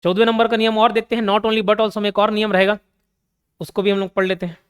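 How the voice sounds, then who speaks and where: High-voiced man teaching grammar. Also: flat delivery, fast talker, clean tone, in a large hall. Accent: Chhattisgarh Hindi. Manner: explains step by step, asks and answers his own questions. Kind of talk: grammar lesson.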